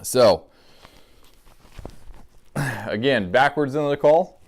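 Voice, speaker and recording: A man giving a casual, folksy instructional demonstration in a clear voice, as a calling instructor. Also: medium pitch, animated, takes it slowly.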